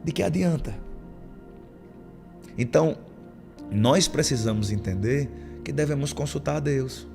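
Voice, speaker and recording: A man's voice: medium pitch, lively intonation, unhurried, gravelly, long pauses, over music. A man preaching a sermon as a pastor, telling stories and acting out the lines of church members. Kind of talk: sermon with storytelling.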